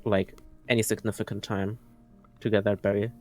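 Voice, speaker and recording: A man's voice: on the low side, flat delivery, soft background music. A man giving casual live speedrun commentary, often restarting his sentences. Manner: halting, restarts often, laughs easily.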